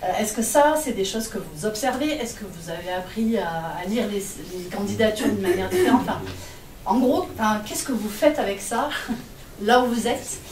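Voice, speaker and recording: A woman moderates a panel and asks lively, searching questions. Her voice is mid-pitched. She is heard from afar in a reverberant room, with clear background noise. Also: moderate pace. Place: conference room. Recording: echoey room, distant mic, noise.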